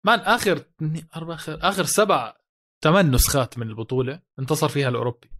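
Male podcast co-host, slightly high voice, Levantine Arabic accent, very quick casual storytelling with emphatic repetition. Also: fairly bright tone.

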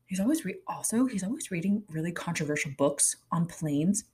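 A woman in her thirties from Kansas City, hosting a loose, comedic solo chat. She rambles from one aside to the next and fills her talk with "like." Her voice sits on the low side. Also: lively intonation, a little fast, darkish tone. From Kansas City, Kansas, USA. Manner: rambling, chatty, heavy use of "like". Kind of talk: casual comedic monologue.

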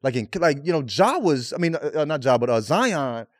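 A man co-hosting a sports podcast, rambling through his points with plenty of fillers and restarts. His voice sits a little high and swings widely in pitch. The room is dry. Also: big pitch swings, a little fast, no echo. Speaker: podcast co-host. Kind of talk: casual sports chat.

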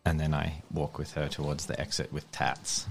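A man playing a tabletop game, speaking calmly and confidingly in and out of character. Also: normal speed, gravelly, soft background music. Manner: calm, low-key and confiding. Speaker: player.

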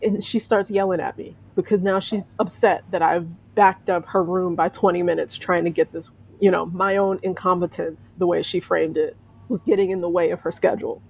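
A woman's voice: fairly low pitch, normal speed, gravelly, muffled recording, slight background noise. A woman telling a personal story in casual spoken style, acting out the voices of the people in it and laughing often. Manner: animated, acts out quoted voices, laughs often. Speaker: storyteller, veterinary technician.

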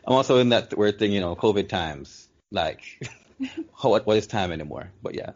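A man in his thirties with a lowish voice, chatting as a podcast co-host and spinning joking stories. The sound is muffled and lo-fi, like remote call audio. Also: animated, normal speed. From Jamaica. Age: 30s. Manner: joking storyteller. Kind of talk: casual chat.

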